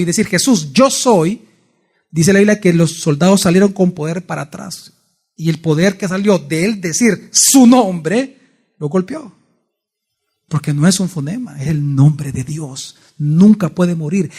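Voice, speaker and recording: A male pastor gives a Bible study sermon in church. His voice sits high for a man, and he keeps stopping to put questions to his listeners. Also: darkish tone. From El Salvador. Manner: asks the congregation frequent questions.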